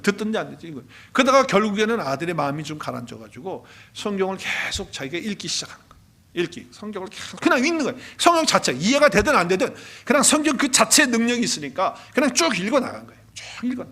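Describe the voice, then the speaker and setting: A male pastor with a high voice delivers a Sunday sermon in a church sanctuary. He talks emphatically, repeating key phrases and asking the congregation questions. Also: fairly bright tone.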